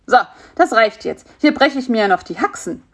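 A woman's voice: medium pitch, lively intonation, unhurried, gravelly, fairly bright tone. A woman voicing a grumpy, easily scared male spider in a children's story, grumbling and complaining.

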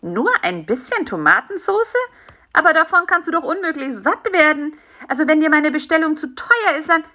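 A woman voicing a cheeky, bossy little male fly in a children's audiobook, talking high and excitedly. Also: fairly quick. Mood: eager.

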